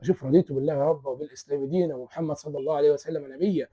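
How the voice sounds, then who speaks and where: A young Egyptian man rushes through a fervent religious pep talk at breakneck speed, piling up oaths for emphasis. His voice is husky and dark, sitting a little high for a man. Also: steady tone. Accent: Egyptian Arabic. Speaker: religious speaker.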